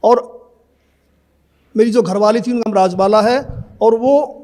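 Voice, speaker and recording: A man's voice: sits high, fairly even intonation, a little slow, warm tone. A man in his fifties giving an earnest personal testimony in an interview, telling his story and acting out remembered conversations. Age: 50s.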